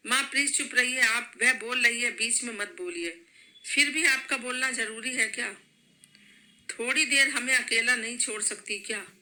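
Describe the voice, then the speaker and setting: A woman's voice: a little high, normal speed, bright, forceful tone, rough recording. A woman storyteller voicing a young husband caught between his wife and his mother, scolding and pleading. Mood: stern.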